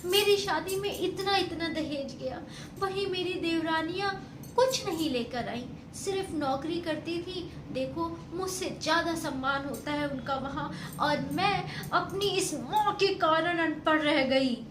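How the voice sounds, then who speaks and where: A woman voicing an upset young sister-in-law who complains loudly through tears. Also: extremely high pitch, a little slow, distant mic. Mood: angry complaint. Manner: loud complaining wail. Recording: echoey room, faint noise.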